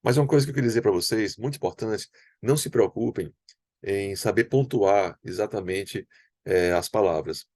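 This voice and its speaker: Low-voiced man teaching from slides. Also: darkish tone, no echo. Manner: explains step by step, repeats words slowly. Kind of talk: slide-based language lesson.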